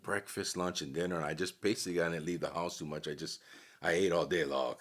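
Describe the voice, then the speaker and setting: Low husky-voiced man from Hawaii. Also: fast. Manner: relaxed storyteller who acts out quoted voices. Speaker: podcast guest. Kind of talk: casual storytelling chat.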